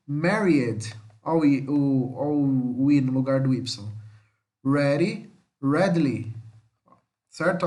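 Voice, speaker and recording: A man's voice: a little high, a little mellow. Man teaching English spelling. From Brazil. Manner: tags nearly every phrase with a questioning "tá?"; repeats English words slowly for pronunciation. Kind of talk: recorded homeschool lesson.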